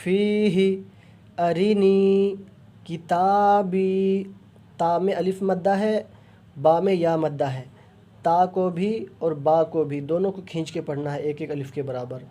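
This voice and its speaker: A man teaches reading in a high, mellow voice. He spells out each syllable, stretches the practice words slowly, and races through the rules in between. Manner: spells syllables one by one, then draws out model words slowly; rapid explanations between drawn-out examples. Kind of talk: spelling-out recitation lesson.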